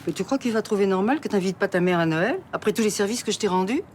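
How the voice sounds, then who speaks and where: A woman's voice: mid-range voice, animated, fast talker, a little mellow, a little hiss or hum, close to an everyday voice. An actress playing a mother who guilt-trips her daughter in a sugary, wheedling way, in a TV soap drama. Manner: cloying, wheedling.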